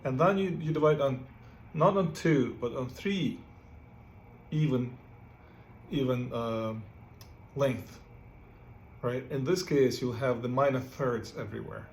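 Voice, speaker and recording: There's a little background noise as a Ukrainian man talks slowly in a medium-pitched voice through an easygoing guitar lesson. He plays while teaching and checks in with "right?" amid his fillers.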